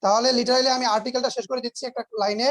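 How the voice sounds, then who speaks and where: A man's voice: very high-pitched, flat delivery, racing, fairly bright tone. A man teaching English grammar in an online class, explaining patiently, repeating his points, quizzing students and mixing English words into his talk.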